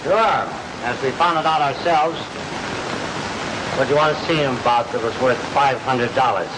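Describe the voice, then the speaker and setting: Blunt police inspector on noisy 1950s TV. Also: male voice, mid-range voice, moderate pace. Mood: probing. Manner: blunt, clipped questioning. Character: gruff, busy male police inspector. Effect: noisy 1950s TV broadcast audio. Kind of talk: 1950s TV crime drama acting. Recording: hissy old TV soundtrack.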